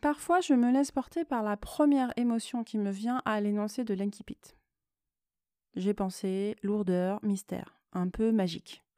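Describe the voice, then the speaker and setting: A woman hosting a podcast, reading her own creative writing and commenting on it in a soft, partly whispered way, with hesitant conversational asides. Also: medium pitch, steady tone, a little slow, no echo, clean studio sound. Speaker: podcast host and author.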